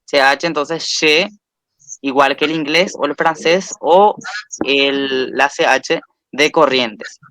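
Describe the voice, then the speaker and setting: A man's voice: a little high, slow pace, pushed and bright, no echo. A man teaching a recorded language lesson, patiently spelling out sounds and repeating example words.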